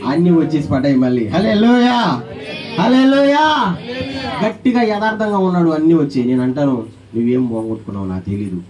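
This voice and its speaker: A man preaching a sermon as pastor, animated, calling on the congregation to answer aloud and acting out quoted voices. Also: high voice, far from the mic, dull audio.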